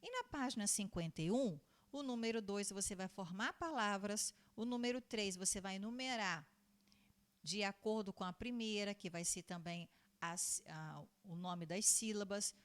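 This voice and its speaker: A woman, a primary school teacher giving a recorded lesson to young children, patiently repeating points, answering her own questions and drawing out words slowly. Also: medium pitch. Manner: stretches out words slowly when spelling them out.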